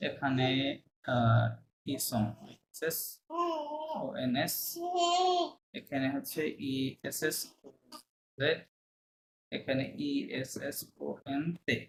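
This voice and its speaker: Vocal fry colors this mid-range voice, heard over some background noise. The speaker teaches French online, patiently covering verb endings, often confirming understanding and switching between English and French terms.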